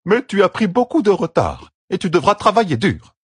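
Man doing a grumbly stern elder woman, pitched way up, husky, audiobook. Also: sing-song, moderate pace, dry recording, clean studio sound, exaggerated voice. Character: stern elder wise woman, gruff and demanding.

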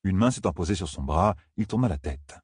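A man narrating a fantasy novel as an audiobook, in a measured, even storytelling manner. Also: low-pitched, husky, no room sound, studio quality.

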